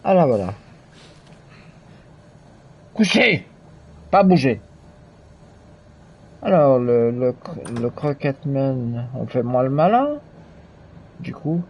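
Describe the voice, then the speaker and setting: A man giving let's-play commentary, excitable, exclaiming and swearing at the game. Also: mid-range voice, measured pace, lo-fi sound. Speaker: gamer. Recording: loud game sound under the voice.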